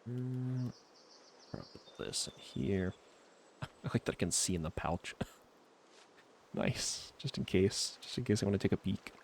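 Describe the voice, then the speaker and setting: Chill streamer dude talking thru his game, low voice, kinda gravelly, rambly. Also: sing-song, a little slow, pauses often, a little hiss or hum. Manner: laid-back, rambling self-talk with frequent trailing fillers. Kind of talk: casual gameplay commentary.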